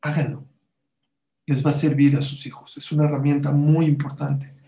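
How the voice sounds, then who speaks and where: A man's voice: fairly high pitch, flat delivery, moderate pace, creaky, warm tone. Man preaching in an echoey room. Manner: asks the audience rhetorical questions, cites Hebrew sources. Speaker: religious teacher. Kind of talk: sermon-style talk on parenting.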